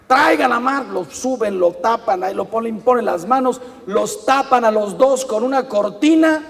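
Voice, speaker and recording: A Mexican priest with a fairly high voice gives a lively, humorous pastoral talk, throwing rhetorical questions at his listeners. His voice rings out in a large hall with a long reverb. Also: moderate pace, creaky.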